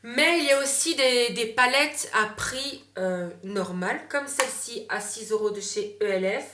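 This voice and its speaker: A woman's voice: fairly high pitch, unhurried, reverberant, noisy background. A young woman from Belgium, chatting casually about gift ideas, with many fillers and self-corrections. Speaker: beauty vlogger.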